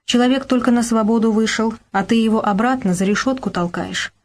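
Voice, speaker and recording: A woman's voice: a little high, fairly quick, voice pushed up, natural voice. A woman reading aloud, voicing an outspoken neighbour woman who speaks indignantly and reproachfully.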